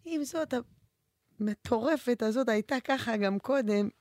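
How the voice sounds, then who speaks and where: A woman hosting a radio show in casual chat, chatty and laughing, telling lively anecdotes. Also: on the high side, no echo, clean studio sound. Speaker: radio host. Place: radio studio.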